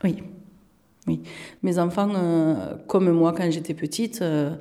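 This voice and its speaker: Taking her time, a woman in her thirties reminisces about growing up during an interview, faltering with many fillers and false starts. Born in Turkey with Turkish as her native tongue, she has a low, dark voice with fairly even intonation.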